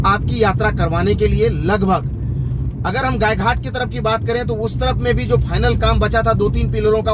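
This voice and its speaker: A man narrates from inside a moving car, pointing things out as he drives. Road and engine noise sits clearly under his voice. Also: sits high. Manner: running commentary while driving. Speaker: local news reporter. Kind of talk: on-the-road video report. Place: inside a moving car on a bridge, outdoors at the end.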